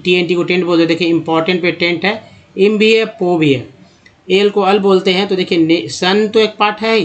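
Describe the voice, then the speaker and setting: A man teaching how to read English, breaking words into parts and repeating each sound slowly. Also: sits high. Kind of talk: screen-share lesson, slow spelled-out explanation.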